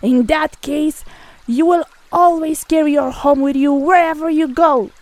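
A woman voicing a bad-tempered male god, ruler of the gods, booming and demanding. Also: steady tone, unhurried, darkish tone, no echo. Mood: furious.

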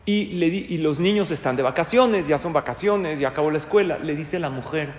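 A man with a Mexican accent, a rabbi giving an animated sermon full of stories and rhetorical questions. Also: a little high, fairly quick. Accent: Mexican Spanish. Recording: echoey hall with faint noise.

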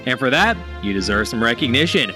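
A man's voice: medium pitch, sing-song, fairly quick, bright, forceful tone. Male promo announcer, mid-range voice, scripted radio read on a music bed.

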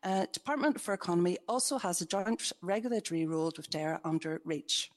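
Lower-pitched woman giving a formal briefing. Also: animated, a little fast. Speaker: government official.

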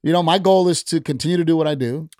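Clean studio sound with no room noise captures a middle-aged man's slightly high, somewhat mellow voice at a quick pace. He's a stand-up comedian appearing as a podcast guest, chatting casually but bluntly and heatedly, full of profanity, in a podcast studio.

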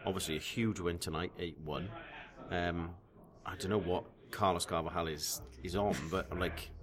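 A man hosting a casual football chat, relaxed and hesitant, often restarting his phrases. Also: sits low, moderate pace. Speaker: podcast host.

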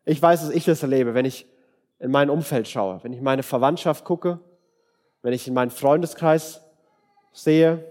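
A man's voice: mid-range voice, normal speed, darkish tone. A man preaching a conversational sermon, earnest and direct, speaking straight to his listeners. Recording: long hall reverb.

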